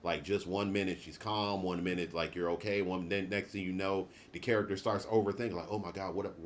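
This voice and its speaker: A man's voice: deep voice, fairly even intonation, fairly quick, a little hiss or hum. A man hosting a podcast in casual chat, rambling and swearing freely. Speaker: podcast host.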